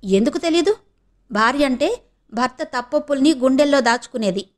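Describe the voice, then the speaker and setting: A woman's voice: sits high, expressive, brisk. A proud commanding husband, read by a woman. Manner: curt, commanding. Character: proud, commanding young husband, quick-tempered.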